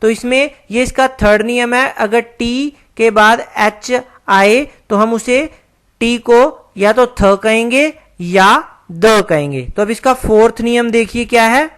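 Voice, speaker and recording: A woman's voice: a little high, slow, clean tone. A woman teaching an online English lesson, explaining carefully and spelling words out letter by letter.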